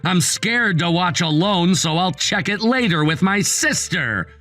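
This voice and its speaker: A man's voice: high voice, lively intonation, measured pace, sharp tone, soft background music, full character voice. A man voicing a cold betrayed husband. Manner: curt and icy. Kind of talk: dramatized text story.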